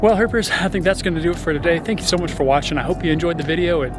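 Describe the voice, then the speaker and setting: A fairly high-pitched man's voice races over music as he chats casually to the camera, hiking up a desert mountain trail and a bit out of breath from the climb. He's a nature vlogger giving casual hiking vlog narration.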